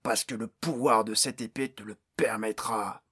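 A man reading an audiobook voices a huge, domineering male orc boss who snarls threats in a husky voice. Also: on the low side, steady tone, unhurried, fairly bright tone. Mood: menacing. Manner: snarling, menacing, bellowing orders.

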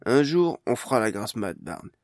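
A man voicing a cheerful male companion in an audiobook, with a bright, laughing tone. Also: fairly low pitch, sing-song, normal speed, no echo, clean studio sound.

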